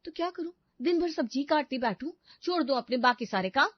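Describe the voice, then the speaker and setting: A woman voicing an overworked young wife in an animated family story, complaining and sarcastic. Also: high voice, brisk, no echo. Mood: indignant. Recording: dry, slightly dull studio recording.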